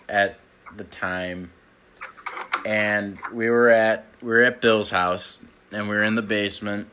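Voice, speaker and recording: Bright-voiced young man telling a story. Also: fairly low pitch. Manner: rambling storyteller, heavy use of "like". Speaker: podcast co-host. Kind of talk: casual chat.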